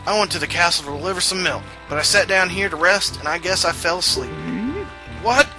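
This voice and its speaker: A man's voice: sits high, fairly quick, music in the background, lightly acted, poor audio. A man voicing a sleepy, easygoing middle-aged rancher in a Southern US accent, drawling and getting flustered.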